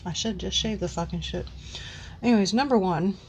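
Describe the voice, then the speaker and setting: Speaking fairly quickly in a medium-pitched, darkish voice, a woman in her forties rants casually to the camera for her book vlog, rambling, swearing, sighing and using lots of filler words. The audio sounds dull, with a little hiss or hum.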